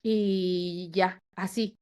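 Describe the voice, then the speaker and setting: A woman in her thirties or forties with a Mexican accent, a podcast guest telling a personal story in a lively way that acts out the dialogue. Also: on the low side, drawn-out words, clean tone. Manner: animated, acts out dialogue with repetitions.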